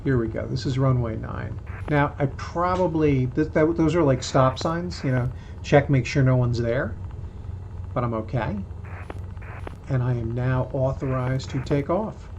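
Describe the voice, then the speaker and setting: Brief: male pilot on a cockpit headset, middle-pitched, slightly muffled, light engine hum, talks through his steps with hesitant self-mockery. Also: measured pace, vocal fry, a little mellow. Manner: thinks aloud, hesitant and self-deprecating. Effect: heard through a cockpit headset intercom. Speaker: student pilot flying a small plane. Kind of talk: casual vlog narration mixed with radio calls. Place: cockpit of a small propeller plane. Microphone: aviation headset mic.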